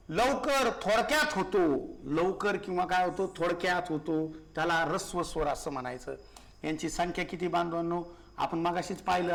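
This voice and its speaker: In a high-pitched, slightly bright voice, a male teacher gives a grammar lesson. He asks questions and supplies the answers himself, repeats key words and frequently addresses his listeners as brothers.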